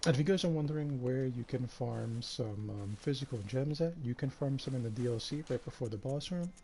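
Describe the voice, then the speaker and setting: A man streaming a game live, tired and a bit out of breath, talking in a relaxed, rambling way with lots of fillers. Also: mid-range voice, brisk, a little hiss or hum. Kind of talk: casual live-stream commentary.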